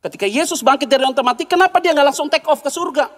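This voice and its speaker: A male pastor preaching a sermon, animated, acting out quoted voices and dropping slangy asides. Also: extremely high pitch, very fast, in a large hall.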